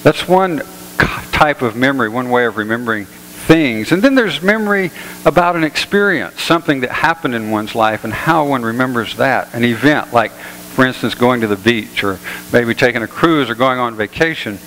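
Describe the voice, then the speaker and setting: A pastor giving a sermon in a church, telling jokes in an easygoing, folksy way. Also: male voice, medium pitch, lively intonation, normal speed, a bit bright, big-room sound, slight background noise, rough recording. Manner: folksy storytelling, easygoing humor. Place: church sanctuary.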